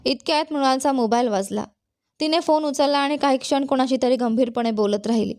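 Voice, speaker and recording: A woman narrating a family storybook in a steady, clear reading. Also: high voice, brisk.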